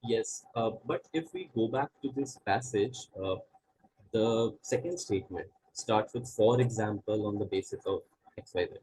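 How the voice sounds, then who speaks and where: A man's voice: on the low side, normal speed, mellow, husky, low-quality recording. A male student on a video call explaining his reading hesitantly with many fillers. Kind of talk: asking questions in online class.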